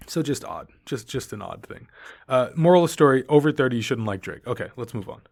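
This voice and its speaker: A man's voice: mid-range voice, sing-song, fast, vocal fry, darkish tone. A man in his thirties hosting a podcast, giving casual, opinionated and rambling thoughts on a book he just finished. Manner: opinionated, rambling, dismissive asides. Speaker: podcast host. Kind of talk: casual solo book review.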